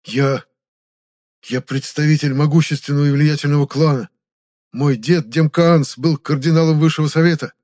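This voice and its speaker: A man voicing an arrogant young male noble held captive, shrill, blustering and pleading in a high voice. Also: fairly even intonation, normal speed, darkish tone, natural voice. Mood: threatening.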